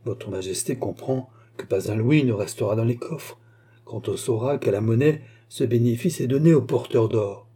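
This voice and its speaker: A man voicing a smooth, scheming royal finance minister who speaks in a courtly, assured manner. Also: medium pitch, normal speed, mellow, lightly acted.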